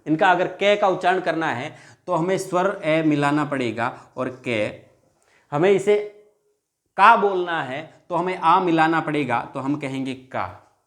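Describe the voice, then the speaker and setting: A man's voice: fairly high pitch, expressive, measured pace, fairly bright tone. A male teacher giving a classroom lesson, repeating each point and drawing out example sounds, calling viewers his friends. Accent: Hindi.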